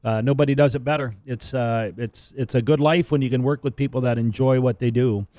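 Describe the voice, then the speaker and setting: A man's voice: mid-range voice, steady tone, fairly quick, dark tone, no room sound. A middle-aged man hosting a radio talk show, talking casually and rambling with frequent restarts and repeated words. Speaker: radio show host and land auctioneer.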